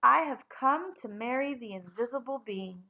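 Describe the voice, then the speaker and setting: A woman's voice: on the high side, lively intonation, moderate pace, creaky, phone-quality sound. A woman voicing a brave, poor young outcast girl in a storybook, earnest and assured. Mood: earnest, sure.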